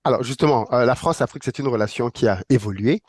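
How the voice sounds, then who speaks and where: A man's voice: medium pitch, fast, husky, dry recording, clean studio sound. A man hosting an online interview, welcoming and a bit hesitant, with many fillers and repeated words. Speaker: host. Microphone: online call.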